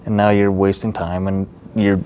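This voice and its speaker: A man with a somewhat low voice, co-hosting a casual faith podcast. He speaks earnestly and acts out what other people might say. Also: flat delivery, normal speed, dark tone, lo-fi sound, a little hiss or hum. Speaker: podcast co-host.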